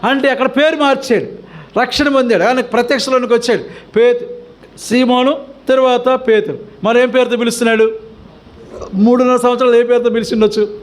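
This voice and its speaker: High pitched telugu pastor man, keeps asking the church questions, mixes in english words. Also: fairly even intonation, fairly quick. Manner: questions the congregation again and again, urging answers. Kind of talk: interactive Bible teaching.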